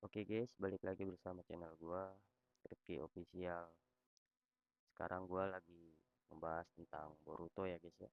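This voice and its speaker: A low, gravelly male text-to-speech voice in the social media style, introducing a channel with casual slang. The delivery is robotic and repeats little tag phrases, in a dull, lo-fi and very dry recording. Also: level tone, moderate pace, pauses often, no room sound. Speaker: video channel host.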